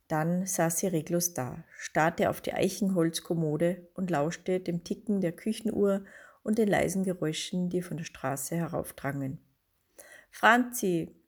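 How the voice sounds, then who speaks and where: A woman reading a story aloud in a calm, measured audiobook narration. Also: fairly low pitch.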